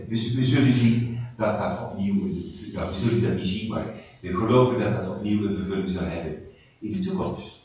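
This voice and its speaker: A man preaching to a small group, his lively voice rising and falling as he restarts his sentences and asks questions. He is heard from across an echoey hall on a distant, dull-sounding mic with a faint hiss behind him. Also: medium pitch. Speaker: preacher leading a Bible study. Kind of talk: informal Bible teaching with questions to the group.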